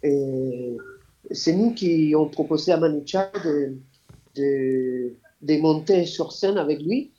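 A man's voice: on the high side, mellow. Interview guest, male, hesitant and full of fillers, lo-fi sound. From Argentina. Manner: halting, searching for words, many fillers. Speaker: guest, radio project founder. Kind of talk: interview answers. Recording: dull lo-fi sound.

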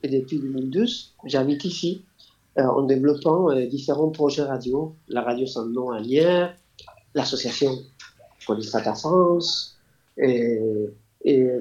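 Speaking with a medium-pitched, slightly mellow voice, a male interview guest from Argentina who founded a radio project gives his answers. He hesitates, hunts for words and fills gaps constantly, all captured in dull, lo-fi audio.

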